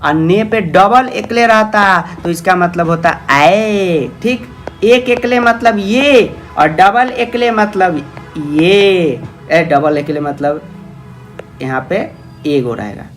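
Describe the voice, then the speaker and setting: High-pitched male teacher coaxing his students. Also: slow, faint music behind. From India. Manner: asks and answers imagined student questions himself; coaxing, calls listeners "babu". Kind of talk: classroom-style grammar lesson.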